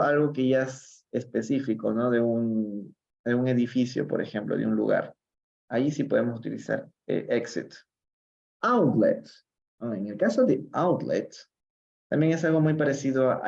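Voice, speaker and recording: A man teaching English in a live-streamed reading lesson, reading lines slowly and explaining them in Spanish. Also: mid-range voice, expressive, vocal fry, a little mellow. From Peru. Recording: dull lo-fi sound.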